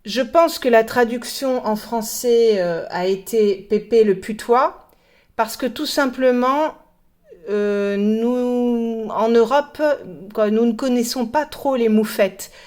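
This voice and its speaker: A woman from France explaining a cartoon in a casual lesson, pausing often and hesitating between words. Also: a little high, darkish tone. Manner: hesitant, many pauses and fillers. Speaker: French teacher.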